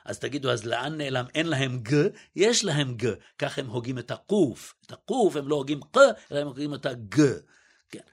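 A man's voice: medium pitch, lively intonation, slightly rough. Man sounding out letters one by one. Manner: methodical, demonstrates each sound aloud; hesitant, self-correcting. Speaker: guest linguist. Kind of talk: explanatory interview talk.

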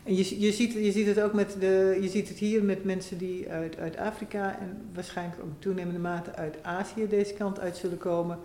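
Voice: mid-range voice, level tone, normal speed, few pauses, mellow, slight background noise. Thoughtful guest in a roomy echo. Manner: thoughtful, explanatory, with frequent restarts. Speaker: interview guest, essayist. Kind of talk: conversational interview.

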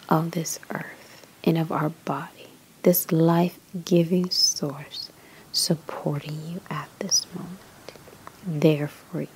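Breathy, whispering woman guiding a slow meditation. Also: low-pitched, poor audio. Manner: soft, breathy, whispery spa-like delivery; soothing, measured phrasing with pauses. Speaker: meditation guide.

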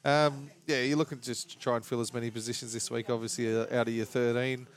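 A man's voice: medium pitch, flat delivery, quick pace. An Australian man co-hosting a sports podcast, casually talking through analysis. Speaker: fantasy rugby league podcast co-host.

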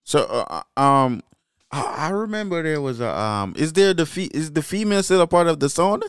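A man interviewing a guest in a casual chat, asking halting questions full of restarts and fillers. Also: fairly high pitch, lively intonation, clear, resonant tone, no echo, studio quality, soft background music.

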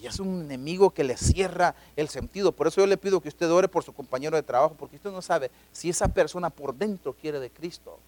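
Brief: middle-aged pastor, high voice, dry close sound, emphatic preaching that swings loud and low. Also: male voice, brisk, few pauses, no room sound. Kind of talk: sermon.

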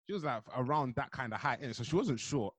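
A man's voice: medium pitch, lively intonation, fast talker, no echo. A man telling a story casually as a podcast guest, laid-back and slangy. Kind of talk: casual chat.

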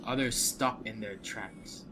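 A young man running a tabletop game online, narrating slowly in a relaxed, easygoing way and chuckling at his own fumbles. His pitch is ordinary for a man, and there is a steady noise floor behind him. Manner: laid-back, laughing at his own slips. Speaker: game master. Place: online game session from home.

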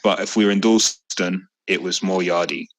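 Middle-aged man, low-pitched, laid-back raconteur for casual chat. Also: normal speed, low-quality recording. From East London. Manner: relaxed storytelling, jokey asides.

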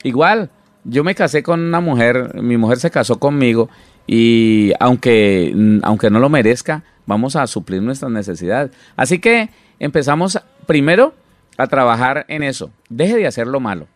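A man's voice: medium pitch, animated, normal speed, no room sound. A middle-aged man, a pastor, earnestly explaining Bible teaching in conversation with many restarts.

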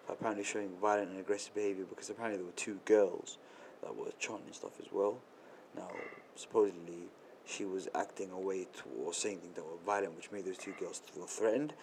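A man's voice: sits low, steady tone, fast talker, a little mellow, slight background noise, rough recording. A man, co-hosting casual podcast banter with slangy, insistently restarted phrases. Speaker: podcast co-host.

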